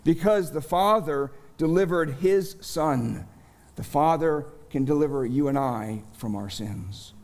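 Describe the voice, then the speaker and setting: A middle-aged male pastor preaching a sermon, telling a personal story slowly and deliberately, rising with emphasis at key moments. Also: medium pitch. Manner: storytelling, slow and deliberate with animated rises.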